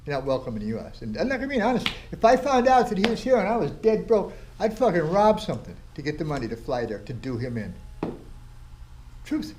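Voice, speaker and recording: A man's voice: sits high, very animated, brisk, darkish tone, a little hiss or hum. An older man, a tattoo artist, telling blunt, profane stories and acting out what people said. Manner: profane, blunt storytelling with acted-out quotes. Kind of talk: storytelling interview.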